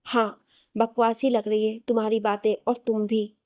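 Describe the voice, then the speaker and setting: A woman's voice: fairly high pitch, little pitch movement, moderate pace, darkish tone, dry recording, natural voice. A woman voicing a young wife who is hurt and reproachful toward her husband. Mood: bitter. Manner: cold, reproachful.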